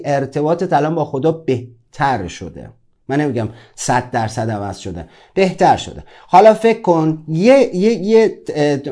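A man's voice: on the high side, warm tone. A man teaching a self-help course, giving an informal motivational talk and speaking directly to his listeners in a conversational way.

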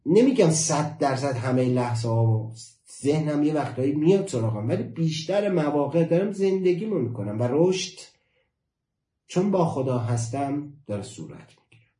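A man giving a motivational class talk, emphatic, repeating key phrases and slowing down to stress his points. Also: on the high side, expressive, warm tone, roomy sound. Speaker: motivational teacher.

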